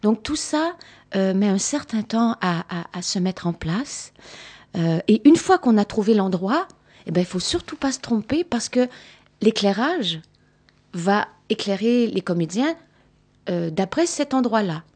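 A woman's voice: mid-range voice, animated, a little slow, darkish tone, husky. A woman from Canada, a stage actress patiently explaining theatre work to children and repeating words for emphasis. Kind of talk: answering children's questions after a show.

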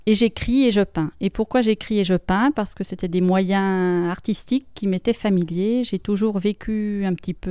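Mellow smooth-voiced woman writer. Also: mid-range voice, no room sound, studio quality. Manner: thoughtful, pauses with fillers, speaks plainly to children. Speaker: writer being interviewed. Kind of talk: casual interview answers.

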